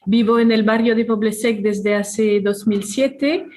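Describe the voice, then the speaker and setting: A woman's voice: fairly high pitch, fairly even intonation, a little slow, a little mellow. A woman in her forties from Belgium, a parent and neighborhood volunteer, speaking earnestly as a guest with small restarts. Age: 40s. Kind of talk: casual interview talk.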